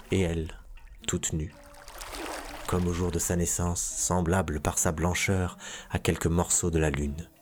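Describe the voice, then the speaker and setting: A man with a very low voice reads a tale aloud in a measured, expressive way. Soft music plays faintly beneath his storytelling. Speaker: narrator. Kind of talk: storybook reading.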